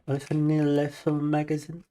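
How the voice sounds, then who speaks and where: A man's voice: fairly high pitch, completely flat delivery, moderate pace, warm tone. A man and native Russian speaker chatting casually on a gaming livestream, laughing often and explaining things to viewers as he plays, into a desk microphone.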